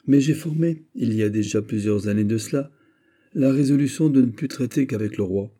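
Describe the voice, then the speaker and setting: Un homme qui lit et joue un noble comte fier, répondant sèchement et avec calme. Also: male voice, mid-range voice, fairly quick, voice pushed up, natural voice. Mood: froid. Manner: sec, impassible, réponses mesurées. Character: noble comte mousquetaire, fier, froid, digne.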